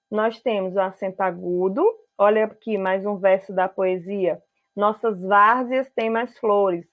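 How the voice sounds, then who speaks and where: A woman with a Brazilian Portuguese accent teaching a grammar lesson on video, explaining step by step and often checking in with her viewers. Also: mid-range voice. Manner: didactic, keeps checking in with "certo?". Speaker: writing teacher. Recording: tinny phone-like sound.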